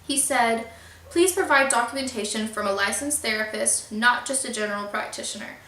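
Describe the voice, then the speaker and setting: A woman's voice: on the high side, moderate pace, a bit bright. Young woman telling a storytime vlog. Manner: earnest, upset, trying to stay polite. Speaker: vlogger. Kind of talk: storytime vlog, reading out emails. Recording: echoey room.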